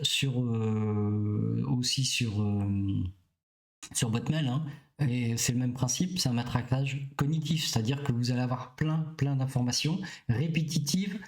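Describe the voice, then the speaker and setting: A man hosting a live stream, explaining in a casual, rambling way with many pauses and fillers. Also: medium pitch, a little mellow. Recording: echoey room.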